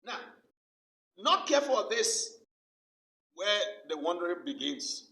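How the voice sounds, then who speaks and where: A man's voice: sits high, big pitch swings, a little slow, sharp tone. A male pastor preaching a sermon with emphasis, repeating his key phrases over and over. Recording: roomy sound from a distant mic.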